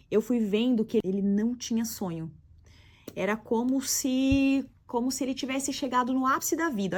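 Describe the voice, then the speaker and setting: A Brazilian woman vlogging a confessional story. Her voice sits in a middle pitch, and she talks in a candid, emphatic way, turning often to address her viewers directly. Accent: Brazilian Portuguese.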